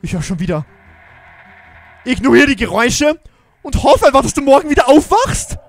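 A man's voice: very high-pitched, sing-song, moderate pace, faint music behind. A man giving jumpy, exclaiming commentary on a Minecraft role-play adventure, talking straight to his viewers. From Germany. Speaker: gaming YouTuber.

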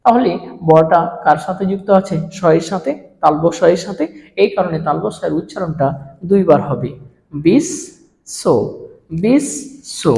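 A man's voice: sits high, creaky, darkish tone. A man teaching a grammar lesson to students. He asks questions and answers them himself. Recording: echoey room with long reverb.

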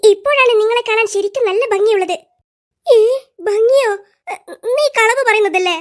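In an animated comedy, a voice actor plays squeaky-voiced schoolkids who bicker and tease each other in rapid-fire exchanges.

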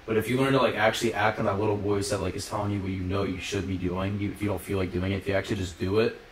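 Fast-talking young man, casual podcast host. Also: lowish voice, flat delivery, recorded from a distance, a little hiss or hum. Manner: rambling, filler-heavy, lots of "like" and swearing. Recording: roomy sound from off-mic.

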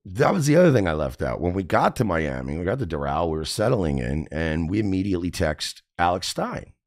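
A man hosting a radio show, telling a comic story in an animated, profane way. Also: deep voice, a little fast.

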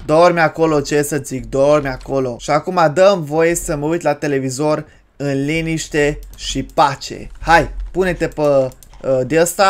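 A gaming creator, giving crude, joking let's-play commentary on a horror game, with sudden loud yells. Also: medium pitch. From Romania.

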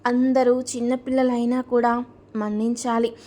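Elderly grandmother figure, read by a woman narrator: slow, heartfelt and fairly high. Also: flat delivery, mellow, lightly acted. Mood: sorrowful. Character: grieving elderly grandmother, family matriarch, jokey.

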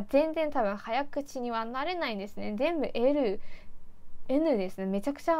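A young woman from China talks casually to her viewers. Her voice sits a little high. She is a native Chinese speaker, with many fillers and self-deprecating asides. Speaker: vlogger. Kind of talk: casual chat about learning Japanese.

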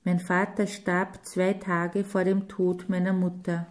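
A woman's voice: on the low side, little pitch movement, takes it slowly. A woman reading the lines of a grown man, an orphaned believer telling his story earnestly.

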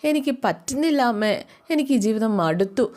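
A woman's voice: on the high side, expressive, moderate pace, a little mellow, lightly acted. A woman voicing an unhappy young wife who speaks plaintively and wearily. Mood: sorrowful. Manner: plaintive, complaining.

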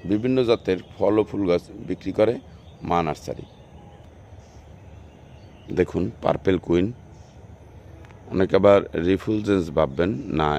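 A low, slightly mellow male voice comes through dull audio with slight background noise. He's a nursery video host with a Bangladeshi Bengali accent, strolling an outdoor plant nursery and pointing out plants in a salesy, repetitive walkthrough.

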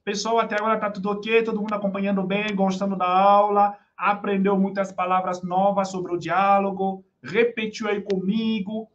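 A Brazilian woman with a Brazilian Portuguese accent teaches an online French lesson, patiently repeating each phrase and regularly checking in with her students. Her medium-pitched voice holds a level tone at normal speed with few pauses. The recording sounds muffled.

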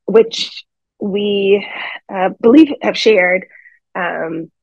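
A young woman organizer speaking unscripted on a webinar from home, halting with many fillers and restarts. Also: medium pitch, gravelly, darkish tone, no room sound. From United States. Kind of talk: unscripted panel remarks. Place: home, seated by a staircase. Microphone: phone or laptop on a video call. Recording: dull lo-fi call audio.

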